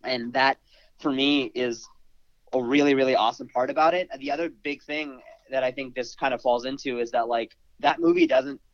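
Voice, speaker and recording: Host, enthusiastic chatter, dry dead room, slightly muffled lo-fi sound. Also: male voice, mid-range voice, very animated, moderate pace, creaky, dry recording. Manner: enthusiastic, with filler likes. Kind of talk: casual conversation.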